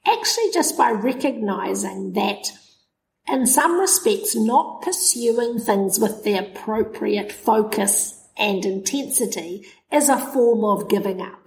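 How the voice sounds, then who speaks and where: A woman co-host chats casually in a slightly high, creaky voice. She comes through a laptop microphone with a tinny, hollow, tin-can sound and noticeable noise. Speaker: podcast co-host. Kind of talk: casual chat. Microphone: laptop microphone, mouth close to it.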